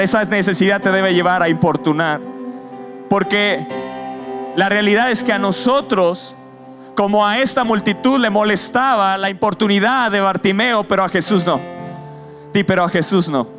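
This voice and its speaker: A man's voice: high-pitched, moderate pace, fairly bright tone. A man preaching a sermon as guest preacher, with impassioned, repetitive exhortation. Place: church service. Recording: guitar music behind.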